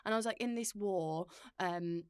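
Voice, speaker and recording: A young woman guesting on a comedy podcast, chatty and quick to laugh. Her pitch sits in the middle. The sound is close and dry, with no room in it. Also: smooth, no room sound. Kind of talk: casual podcast chat.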